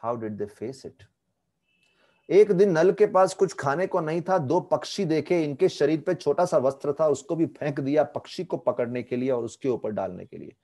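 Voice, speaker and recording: A man telling a devotional story as a spiritual teacher, animated, with English phrases mixed in, speaking on an online video call. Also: fairly high pitch, moderate pace.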